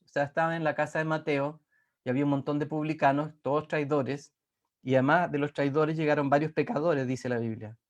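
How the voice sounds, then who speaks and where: A man preaching a sermon as pastor, who repeats words for emphasis and reads scripture aloud. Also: on the high side. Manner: repeats words for emphasis, rising and slowing on key phrases.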